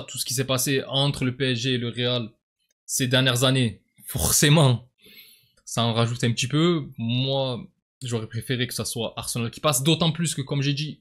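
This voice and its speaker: A man's voice: medium pitch, normal speed. Hesitant southern French man. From southern France. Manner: hesitant, repeats words, sighs often. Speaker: football vlogger. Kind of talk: casual football debrief.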